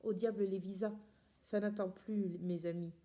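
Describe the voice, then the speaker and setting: Lady reading a stubborn refugee guy, blunt and insistent, warm low-key voice. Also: fairly even intonation, moderate pace, natural voice. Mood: determined. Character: determined male refugee friend.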